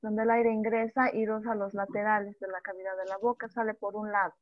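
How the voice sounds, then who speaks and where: A woman teacher giving an online language lesson, who sounds out speech sounds slowly and repeats examples. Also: mid-range voice, little pitch movement. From Bolivia. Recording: dull dry lo-fi audio.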